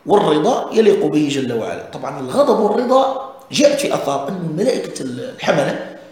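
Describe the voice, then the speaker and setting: A man gives a religious lesson, explaining a text point by point and often stopping to check that his listeners follow. His voice sits a little high and he talks fast. The room is strongly echoey. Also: sing-song, a little mellow. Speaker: religious teacher.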